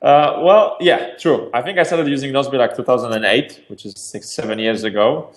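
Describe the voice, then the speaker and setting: A Polish startup founder, whose first language is Polish, answers interview questions with lively energy, often restarting and repeating words. His voice is medium-pitched and moderately paced.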